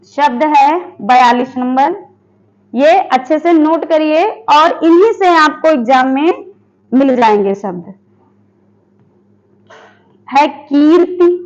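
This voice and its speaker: In an online exam-prep Hindi lesson, a woman asks her students questions, answers them herself, and repeats each word slowly. Her voice sits high, and the sound is lo-fi.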